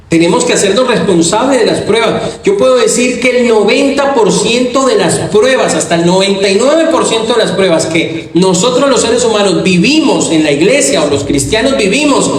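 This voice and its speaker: A man's voice: sits high, roomy sound, slight background noise, rough recording. A man preaching a sermon in an emphatic style, with rhetorical questions and repetition. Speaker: pastor.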